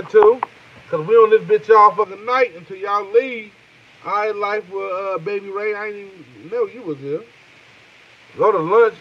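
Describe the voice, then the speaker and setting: A comedian talking live to his viewers in a loose, profane, riffing banter, shouting out names and joking. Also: high-pitched, lo-fi sound, a little hiss or hum. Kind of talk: rambling live-stream chat.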